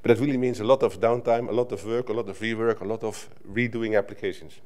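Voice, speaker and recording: Middle-aged Dutch man, slightly low voice, chatty conference talk at a lectern mic, restarts a lot. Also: fairly even intonation, quick pace, darkish tone. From Netherlands. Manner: conversational, with frequent restarts and filler "right?". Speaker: conference speaker. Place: conference hall stage at a lectern. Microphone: lectern microphone.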